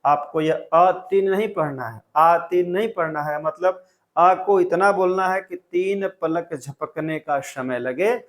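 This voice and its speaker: Male tutor, slightly high pitch, patient step-by-step exam-prep explainer. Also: unhurried. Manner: explains step by step, repeats key points. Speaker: teacher.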